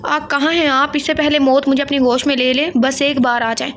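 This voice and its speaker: A woman's voice: high voice, level tone, normal speed, fairly bright tone, slight background noise. Woman reading a sorrowful young heroine. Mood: despairing. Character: grieving young woman, quiet and humble.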